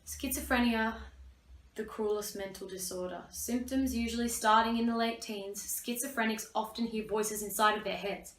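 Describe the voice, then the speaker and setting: A young Australian woman performing a wry, confessional theatre piece, swinging between loud and hushed lines. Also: on the high side, steady tone, normal speed. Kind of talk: theatrical monologue and scene. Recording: echoey room.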